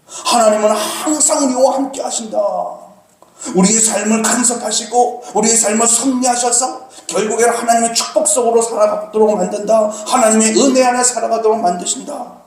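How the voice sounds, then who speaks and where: A man preaching a sermon as pastor, earnest, with dramatic pauses and slow emphasis. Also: very high voice, fairly even intonation, darkish tone. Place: church sanctuary. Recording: very echoey church hall, faint noise.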